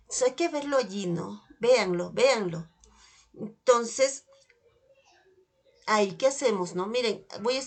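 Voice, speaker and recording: A woman's voice: a little high, vocal fry. Woman coaxing a live online workshop. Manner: coaxing, repetitive prompting with direct questions. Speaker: holistic therapy facilitator.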